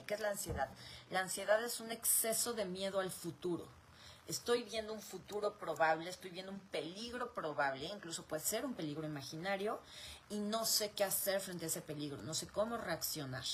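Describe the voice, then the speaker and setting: A woman's voice: fairly low pitch, slight background noise. A woman with a Mexican accent answers viewer questions in a live chat, explaining step by step and posing rhetorical questions she then answers. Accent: Mexican Spanish.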